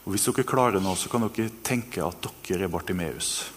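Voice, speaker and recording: A man preaching a sermon, retelling a story with earnest energy and then guiding listeners through a quiet reflection. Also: low-pitched. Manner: earnest, animated storytelling that later turns soft and hushed. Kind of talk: sermon with guided meditation. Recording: long reverb in a hall, faint noise.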